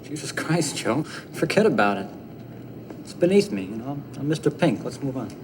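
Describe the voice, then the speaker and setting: A man's voice: mid-range voice, lively intonation, normal speed, close to an everyday voice. An actor playing a whiny, pushy male robber who complains and argues in crime film dialogue. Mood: grudging. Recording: noisy, long reverberant room sound.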